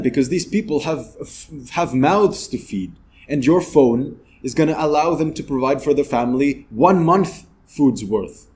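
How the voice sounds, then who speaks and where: A man's voice: medium pitch, a little mellow. A man from the Philippines, hosting a motivational vlog and giving earnest, big-brotherly advice. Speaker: channel host.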